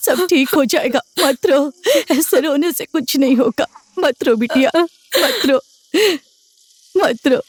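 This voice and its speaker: A woman's voice: high-pitched, takes it slowly, dry recording. A woman dubbing an older village woman who consoles a grieving girl in a film. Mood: consoling. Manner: soothing, repetitive consoling.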